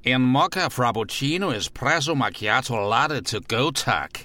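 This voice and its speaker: A man's voice: mid-range voice, animated, pushed and bright, no room sound. A man voicing a tall, very polite American man who speaks with an American accent in a storybook. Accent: American accent in Danish. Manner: very polite, formal.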